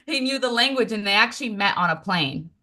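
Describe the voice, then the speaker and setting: A Moroccan woman whose native language is Moroccan Arabic co-hosts a podcast and tells a family story in a casual chat. She's animated and emphatic, laughing often. Her voice sits at medium pitch and moves briskly.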